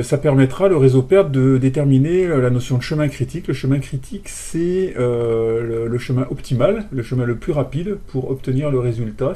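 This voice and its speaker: A man teaching an online course, explaining slowly with frequent fillers and restarts. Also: medium pitch, dark tone. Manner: hesitant, many fillers and restarts. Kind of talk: recorded online lecture.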